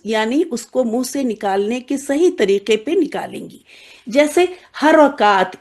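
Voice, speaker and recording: A woman with a notably high voice teaches a classroom lesson on Arabic letters. She explains patiently, turns the letters into little characters, and keeps checking that her students follow along. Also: a little mellow. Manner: explains patiently with playful examples and frequent check-ins.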